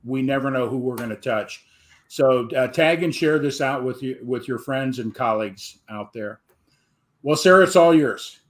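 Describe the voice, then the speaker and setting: A man's voice: mid-range voice, normal speed. A man hosting a live online show, introducing his guest in a loose, rambling way. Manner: rambling, many fillers and restarts. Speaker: host.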